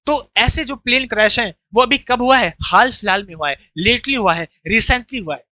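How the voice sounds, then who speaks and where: Indian male tutor, online vocab class, lively and bright, dry recording. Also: very high-pitched, moderate pace, dry recording. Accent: Indian English. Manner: explains terms, has students repeat after him. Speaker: English teacher.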